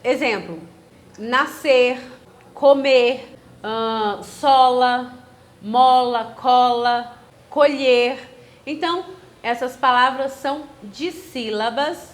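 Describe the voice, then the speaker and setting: A woman's voice: high-pitched, extremely slow. A woman with a Brazilian Portuguese accent teaching a grammar lesson, asking questions and answering them herself, spelling words out syllable by syllable.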